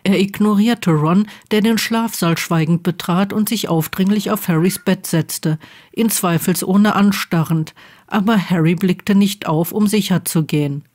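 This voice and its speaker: A woman reading a fan story aloud with steady, even pacing. Her voice sits in a middle pitch and carries the narration plainly from line to line. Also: measured pace. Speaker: fan fiction reader.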